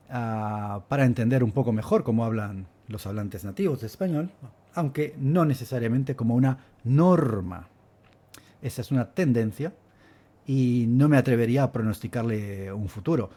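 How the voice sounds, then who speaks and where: A man's voice: medium pitch, mellow, slightly rough. A man giving a casual video lesson as a Spanish teacher, thoughtful and given to repeating himself. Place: Valencia, Spain.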